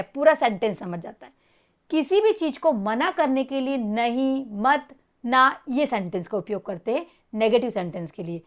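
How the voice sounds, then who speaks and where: A woman's voice: a little high, muffled recording. A woman teacher giving an exam-prep lecture, explaining with simple examples and often checking in with her students.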